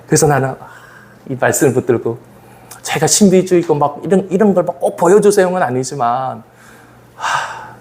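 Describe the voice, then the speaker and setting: A male pastor preaching at a Friday evening revival service, playful and animated, laughing often and calling on the congregation for amens. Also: a little high, normal speed. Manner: talks directly to the congregation, asking for amens.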